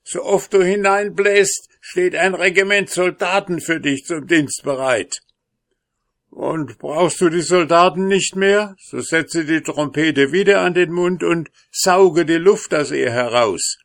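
A man voicing a small, sly male dwarf who begs in a high wailing voice in a storybook reading. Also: takes it slowly, dry recording, studio quality. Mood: pleading.

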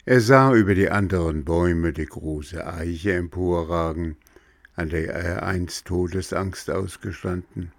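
A man narrating a children's fairy tale as an audiobook, measured and expressive. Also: low-pitched, no echo. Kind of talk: storybook audiobook reading.

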